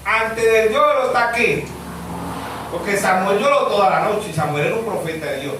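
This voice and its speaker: Zulian pastor preaching in an echoey hall. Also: male voice, normal speed, noisy background. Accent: Zulian Venezuelan Spanish. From Venezuela. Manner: preaching with sudden high shouted questions and low muttered asides. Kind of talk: sermon. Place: church hall. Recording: echoey church hall, mic far off.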